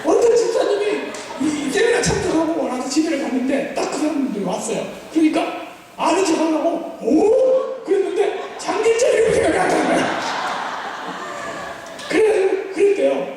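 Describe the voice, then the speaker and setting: Male pastor preaching in a church, high lively voice, makes the crowd repeat after him, very echoey and far off. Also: moderate pace. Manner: animated, acts out exchanges and drills the congregation in call-and-response. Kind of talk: sermon seminar. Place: church sanctuary. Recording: echoey church hall, voice far from mic, faint noise.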